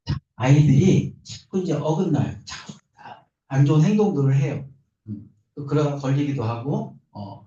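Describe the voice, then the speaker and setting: A man giving a lecture on parenting, lively and animated, acting out the parents' and children's lines as he explains. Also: on the high side. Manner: lively, acts out parents' and kids' quoted lines. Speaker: lecturer on adolescent counseling. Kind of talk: recorded lecture. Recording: distant, echoey, muffled room recording.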